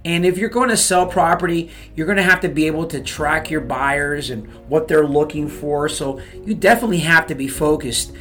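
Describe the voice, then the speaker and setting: A man's voice: a little high, moderate pace, few pauses, a bit bright. Hyped-up guy talking real estate to camera, keeps going "okay? you guys", faint music behind. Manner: pumped-up, repeats and pushes with "okay?" and "you guys". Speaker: real estate investor giving advice. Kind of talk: motivational talk to camera.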